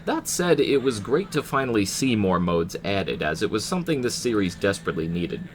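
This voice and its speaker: A man's voice: fairly low pitch, big pitch swings, fairly quick, a little hiss or hum. An American man narrating a scripted retro game review as the reviewer, with wry, casual asides.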